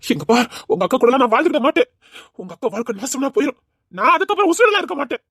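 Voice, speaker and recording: A woman's voice: high-pitched, very animated, rapid-fire, a bit bright, slightly rough, dry recording, clean studio sound, exaggerated voice. A woman voicing a desperate young male groom who pleads emotionally with the woman he loves. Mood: pleading. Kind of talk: amateur drama dialogue.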